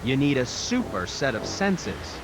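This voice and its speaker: A man's voice: medium pitch, sing-song, unhurried, background noise. A man delivering scripted narration for a television wildlife documentary. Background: music.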